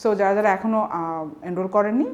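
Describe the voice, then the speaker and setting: A woman with a Bangladeshi Bengali accent teaches an online vocabulary lesson for exam prep, explaining step by step and often posing rhetorical questions. Her mid-range voice has fairly even intonation and a normal speed, and the audio's highs are cut off.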